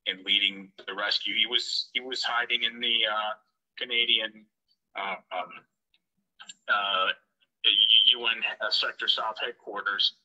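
A man's voice: fairly low pitch, steady tone, pushed and bright. Man heard over a phone speaker. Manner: halting, many fillers, indignant. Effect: heard through a phone on speaker. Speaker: guest calling in. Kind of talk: casual recounting on a live stream. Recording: dull lo-fi phone sound.

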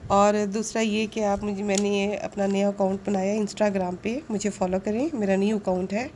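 A woman narrating a casual shopping vlog, speaking politely and earnestly, pausing with fillers now and then. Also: medium pitch, steady tone, dark tone, a little hiss or hum. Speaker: vlogger.

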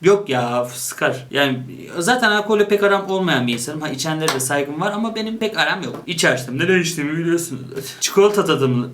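Casting: playful young man, voice a bit high, casual quiz-video chat, quick to joke. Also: lively intonation, background noise. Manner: reads options aloud and jokes about each. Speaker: YouTuber. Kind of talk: casual chat while taking an online quiz.

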